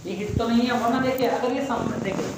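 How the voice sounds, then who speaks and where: A man's voice: very high-pitched, fast, noisy background. Man teaching in a very echoey room. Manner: keeps addressing viewers as "guys", stretching and repeating demo sounds. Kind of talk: casual video lesson.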